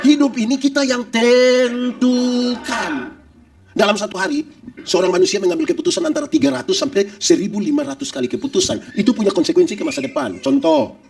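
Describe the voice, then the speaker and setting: A pastor preaches to his church in a high, lively voice that leaps up and down. His tone has a gravelly edge, and he is heard from a distance across the room. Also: brisk. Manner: lively, humorous preaching with acted quotes. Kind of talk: sermon.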